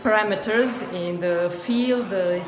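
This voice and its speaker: A woman's voice: medium pitch, unhurried, music in the background. A woman from Serbia with a Serbian accent, answering interview questions hesitantly with many fillers and small laughs. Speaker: guest, company co-founder. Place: noisy event venue. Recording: echoey busy venue with crowd.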